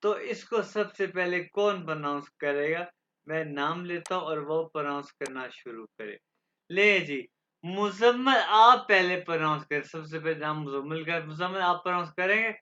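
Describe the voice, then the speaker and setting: High bright-voiced man teaching slowly. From Pakistan. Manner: slow, drawn-out letter drills. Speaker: German teacher. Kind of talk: online language class. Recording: dull lo-fi call audio.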